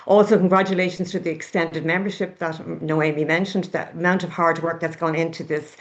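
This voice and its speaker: A woman, the director of an institute, giving a measured and courteous formal welcome on a webinar. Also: lowish voice, level tone. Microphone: video call. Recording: dull lo-fi video call audio.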